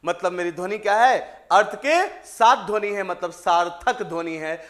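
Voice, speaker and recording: High-voiced Hindi teacher drilling a class. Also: male voice. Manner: repetitive call-and-response questioning, addresses students as "beta"; drawn-out stressed words with sudden loud and soft swings. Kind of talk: exam-prep grammar lesson.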